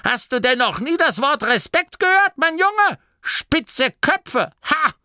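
A man's voice: very high-pitched, big pitch swings, slow pace, dry recording, studio quality, pitched above the performer's own voice, exaggerated voice. Grandma Morky, a man doing a scolding old gnome woman. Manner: scolding, sharp. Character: cranky bossy old female gnome.

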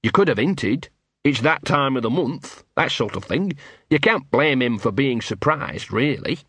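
A man's voice: mid-range voice, animated, a little slow, fairly bright tone, slightly rough, dry recording, exaggerated voice. A man voicing a scruffy, sardonic small male street dog in an audiobook, talking in a grumbling, world-weary way.

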